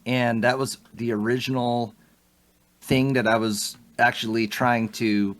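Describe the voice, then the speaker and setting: A young man chats as a podcast guest in an easy, conversational way. He is animated, laughs often and restarts his sentences as his thoughts race ahead. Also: mid-range voice, measured pace. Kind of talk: casual interview chat.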